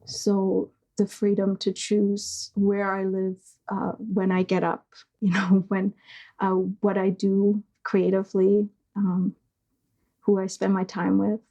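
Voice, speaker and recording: A middle-aged woman from East Germany, speaking slowly and hesitantly as a guest, with many pauses and fillers. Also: medium pitch, completely flat delivery, dark tone. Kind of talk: reflective conversation.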